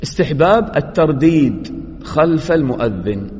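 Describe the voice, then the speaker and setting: A man's voice: a little high, expressive, normal speed. Man teaching a class in a reverberant room. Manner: questions the class and praises answers; swings from loud emphasis to quiet asides. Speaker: religious teacher. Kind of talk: classroom lesson to young students. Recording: long reverb, faint background noise.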